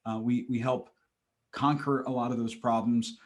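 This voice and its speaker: A man's voice: medium pitch, steady tone, moderate pace. A man in his forties speaking as a podcast guest on a video call, explaining things conversationally with rhetorical questions. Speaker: podcast guest, marketing executive. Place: home room, video call.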